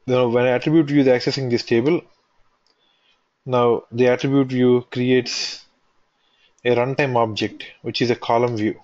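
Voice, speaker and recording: A man talks through a software tutorial at a middling pitch, restating each point step by step. The recording is dull and lo-fi, with faint clicking behind him. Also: steady tone, moderate pace, pauses often. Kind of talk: screen-recorded technical walkthrough.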